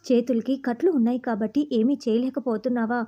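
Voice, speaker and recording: A woman's voice: on the high side, steady tone, brisk, warm tone, dull audio, lightly acted. Woman voicing a sly teasing housewife hostage. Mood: mock-innocent. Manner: mock-innocent, taunting.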